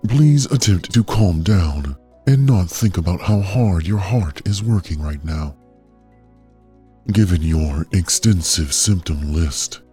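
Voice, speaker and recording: An actor playing a calm, coldly polite AI caretaker, a gentle care robot that speaks in a soothing, measured, clinical way. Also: male voice, deep voice, husky, full character voice. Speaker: AI overseer of a medical trial. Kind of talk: audio drama narration.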